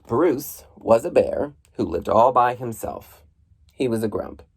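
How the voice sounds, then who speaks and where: A man reading a children's book aloud in an expressive, playful storybook style, with a husky voice. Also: medium pitch, unhurried, a little hiss or hum. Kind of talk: animated storybook read-aloud.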